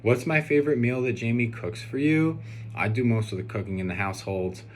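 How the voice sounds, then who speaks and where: A young man answering questions on video before his wedding speaks at a fairly quick pace in a medium-pitched voice. His casual personal message is rambling, hesitant and earnest, recorded with constant background noise.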